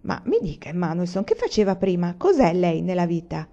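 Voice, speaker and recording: A woman's voice: lowish voice, very animated, a little fast, warm tone. A woman reading the part of a composed woman farm owner asking dry, courteous questions, in a lo-fi recording.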